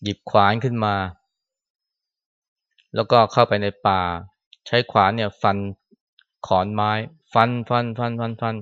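A Buddhist monk gives an informal Dhamma talk in a temple hall after chanting, conversational in style, ending phrases with a soft particle and acting out scolding quotes. His voice is fairly low and flat, a little slow with long pauses, and the recording is dry and muffled.

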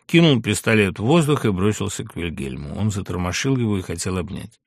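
Man reading a novel with animated pitch. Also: a little fast, gravelly, no echo, clean studio sound. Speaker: narrator.

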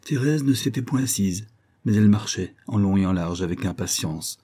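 Man with a dark, husky reading voice. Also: fairly low pitch, expressive. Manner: measured, storytelling. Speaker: audiobook narrator. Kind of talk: scripted audiobook narration.

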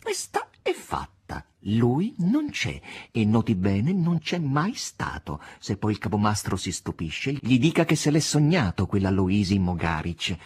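A man voicing a sly, fussy male assistant to the devil, theatrical and jumping between low and high tones, with a husky voice. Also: wildly swooping pitch, unhurried, hardly any pauses, a little mellow, exaggerated voice.

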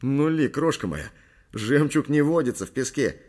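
A man's voice: medium pitch, expressive, moderate pace, a little mellow, voice pushed up, lightly acted. A man doing a boastful young gallant. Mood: mock-grand. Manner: playful, mock-grand, reassuring. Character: boastful young man wooing his girlfriend.

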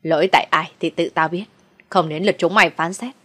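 A woman's voice: fairly low pitch, steady tone, fairly quick, sharp tone, breathy edge. A woman storyteller voicing a cruel, bossy older village woman who scolds harshly. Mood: commanding.

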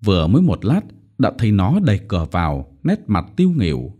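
A man reads a short story aloud in a lilting, expressive manner. His voice is on the low side, mellow in tone, with lively rises and falls in pitch. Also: a little fast, slightly rough. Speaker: audiobook reader. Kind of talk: storybook narration.

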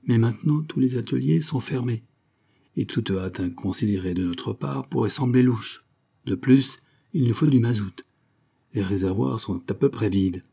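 A man doing a calm former naval officer. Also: medium pitch, creaky, breathy edge. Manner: calm and measured.

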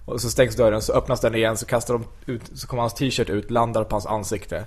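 A man's voice: fairly low pitch, level tone, husky. A man telling a funny story animatedly in a casual podcast chat, laughing often.

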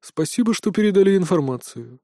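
A man voicing a cold, curt male handler who speaks in a dry, quietly threatening way over the phone, in an audiobook. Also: sits high, lively intonation, fairly quick, no room sound.

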